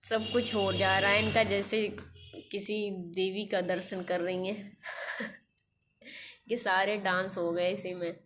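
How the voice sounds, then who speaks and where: A young woman telling family stories in a casual home vlog, chatty and quick to laugh. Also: medium pitch, little pitch movement, a bit bright, slight background noise. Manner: chatty, giggly storytelling. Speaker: vlogger. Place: at a relative's home.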